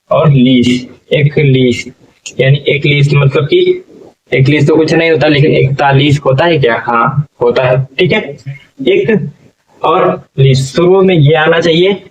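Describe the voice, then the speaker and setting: A man's voice: on the high side, recorded from a distance, muffled recording. A male teacher giving a patient lesson, stretching out syllables and often checking in with his listeners. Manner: patient, drawn-out syllables, frequent "okay?" checks. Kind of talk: classroom lesson.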